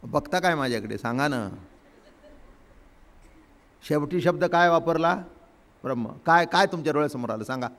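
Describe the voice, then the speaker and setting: Older male Marathi kirtan preacher with a high voice who tells stories, chants verses and quizzes his listeners. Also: animated, normal speed, long pauses. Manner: storytelling, acting out family voices and quoting verses in a chanting lilt; asks the audience questions and drops to a soft, low voice when explaining. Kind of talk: devotional kirtan discourse.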